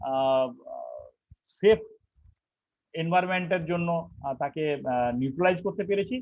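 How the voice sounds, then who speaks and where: A man's voice: on the high side, moderate pace. A male instructor teaching an online technical lesson, explaining step by step and posing rhetorical questions to his students. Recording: tinny phone-like recording.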